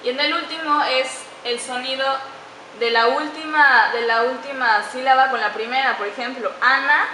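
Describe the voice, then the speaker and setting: Bright-voiced woman explaining grammar, echoey room. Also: high voice, steady tone. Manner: careful, slows down to spell out example sentences. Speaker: student presenter. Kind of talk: explanatory class presentation. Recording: echoey room with faint background noise.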